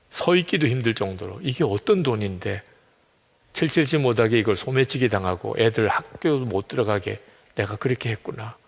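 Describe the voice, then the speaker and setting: A man in his sixties preaching a sermon, telling a story and quoting church members in lively dialogue. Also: medium pitch, vocal fry, big-room sound. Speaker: pastor.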